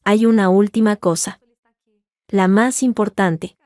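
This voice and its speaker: A woman voicing a calm, methodical male lawyer giving careful instructions in a read-aloud story. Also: sits high, no room sound, studio quality. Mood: earnest. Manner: measured, grave, instructive. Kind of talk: scripted narration.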